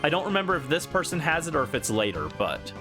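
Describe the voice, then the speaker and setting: A man's voice: fairly high pitch, big pitch swings, fast talker, over music. A man streaming a video game with casual, playful commentary. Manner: playful, voices game characters aloud.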